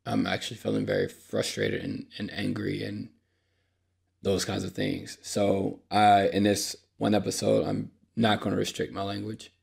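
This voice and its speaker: With a lowish, creaky voice that has a darkish tone and breathy edge, a young man hosts a solo podcast in a completely flat delivery at a moderate pace. Unscripted and recorded on a podcast mic, he sounds tired and apologetic, slightly dry, constantly using fillers and restarting.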